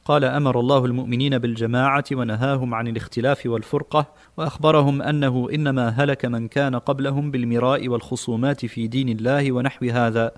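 A man reads classical texts aloud for a study session. His delivery is formal and measured, and he keeps a steady pace through long passages. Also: medium pitch. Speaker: student reading texts aloud.

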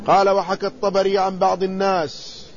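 A man with a high-pitched voice teaches a hadith lesson, reading lines from a classical commentary and unpacking each one in plain words. He often pauses to pose a question and answer it himself. The recording sounds slightly dull, with a faint hiss of noise behind him. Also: level tone. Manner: reads quoted text then explains it plainly, pausing to ask and answer himself. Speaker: Islamic scholar teaching hadith.

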